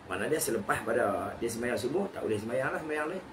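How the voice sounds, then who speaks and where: A man teaching a religious text, posing questions to his class and answering them, repeating key phrases slowly. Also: medium pitch, lively intonation. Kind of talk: kitab study lecture. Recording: noisy recording with background ambience.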